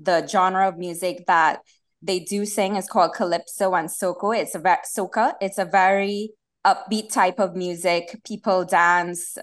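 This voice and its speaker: A Trinidadian woman with a fairly low-pitched voice explains her homeland, Trinidad and Tobago, as a guest on a podcast. The talk is a casual interview chat, and her manner is explanatory and relaxed, repeating words while she thinks.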